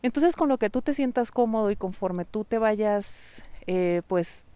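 On her solo podcast about online business, this Mexican host talks straight to her audience in a coaching style, circling back to key points to drive them home. Her mid-range voice is warm and expressive, a little slow, and the sound is clean with no echo.

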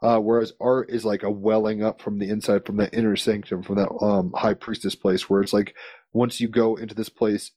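A man with a fairly low voice in a dry, echo-free recording. He chats as an informal host, musing at length in loose, slangy phrases. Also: level tone, brisk, warm tone. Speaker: interviewer, conversation host. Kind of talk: casual, musing chat.

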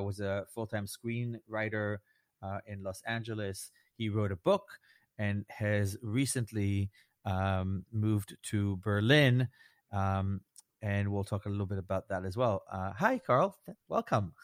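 An American man with a fairly low voice hosts a conversational show in a dry-sounding space. He speaks haltingly, circling around his point and tagging phrases as he goes. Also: dry recording. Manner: halting, circling, frequent "right" and "like" tags. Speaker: host, rabbi. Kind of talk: conversational podcast hosting.

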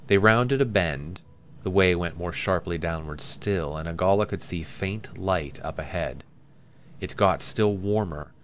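A man reading a fantasy audiobook in a measured, even storytelling manner. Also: low-pitched, slight background noise. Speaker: narrator. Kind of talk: scripted audiobook narration.

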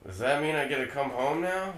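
A man's voice: a little high, a little fast, reverberant, a little hiss or hum, close to an everyday voice. A man reading a desperate, bitter middle-aged father in a comedy script reading, shifting from pleading to cruel abuse. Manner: pleading, then turns cruel and shouting. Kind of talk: comedy script table read.

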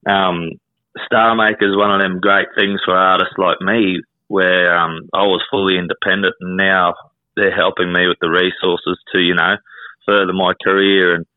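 Muffled, deep-voiced young rural Queensland man. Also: level tone, normal speed, no room sound. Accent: rural Queensland Australian. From Queensland, Australia. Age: 20s. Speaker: country singer and rodeo cowboy, interview guest. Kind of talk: casual interview chat. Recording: muffled, roughly phone-like line, dry.

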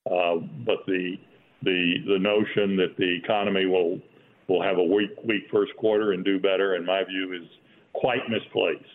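A man with a low voice and flat intonation speaks as an economics expert in an interview. He is measured and halting, often repeating words, on a slightly muffled recording. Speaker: economist guest.

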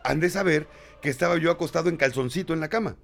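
A man with a Mexican accent, hosting and telling a funny story in animated, self-mocking chat. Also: a little high, quick pace, creaky. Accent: Mexican Spanish. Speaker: host.

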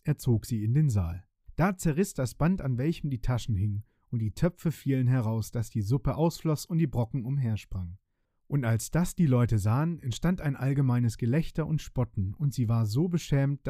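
Calm man reading an old fairytale, dark voice, dry close mic. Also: mid-range voice, dry recording. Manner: calm, even storytelling. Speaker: narrator.

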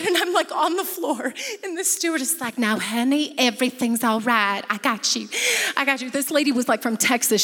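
A woman telling a personal story in a lively way, laughing often and acting out what people said. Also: high voice, big-room sound.

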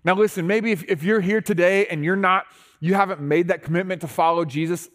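A man's voice: sits high, fairly even intonation, brisk, a bit bright. A man with a slightly raised voice delivers a sermon. He talks to his listeners in an earnest, conversational way, restarting words and pressing them to listen. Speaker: preacher.

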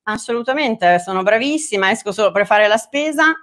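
A woman's voice: medium pitch, animated, brisk, fairly bright tone. A woman from Italy chatting casually and jokingly as an interview guest, poking fun at herself. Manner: joking, self-mocking. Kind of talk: casual online interview chat. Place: at home.

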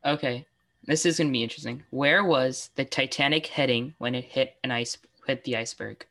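Bright-voiced young woman hosting trivia. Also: very deep voice, fairly quick. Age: young adult. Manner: giggly, restarts often. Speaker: host running a trivia quiz. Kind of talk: casual online chat.

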